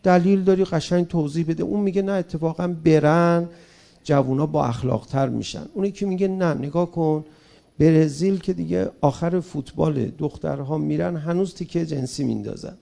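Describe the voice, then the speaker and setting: A man giving an impassioned public speech, questioning his listeners directly and swinging between loud emphatic bursts and quiet asides. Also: fairly high pitch, creaky. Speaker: public speaker.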